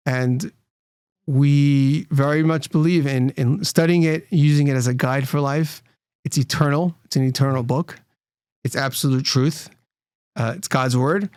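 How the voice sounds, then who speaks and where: Man, rabbi guest, earnest explanations, frequent restarts, mid pitch, dry close sound. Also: steady tone, a little slow, darkish tone, clear, resonant tone, no room sound. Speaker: rabbi and nonprofit CEO, guest. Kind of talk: interview conversation.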